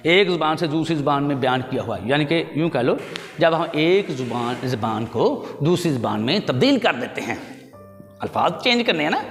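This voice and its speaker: Lively male teacher correcting word pronunciation. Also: fairly high pitch, in a large hall. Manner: patiently corrects words and spells out vowel marks; addresses viewers fondly as children. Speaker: language teacher. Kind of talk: pronunciation lesson.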